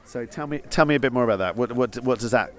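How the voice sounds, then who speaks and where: A man's voice: medium pitch, fast talker, a faint crowd. Jokey man hosting market interviews. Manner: jokey, teasing, laughs often. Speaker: podcast host interviewing stall holders. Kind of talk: casual market-stall interviews. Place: busy indoor market tent.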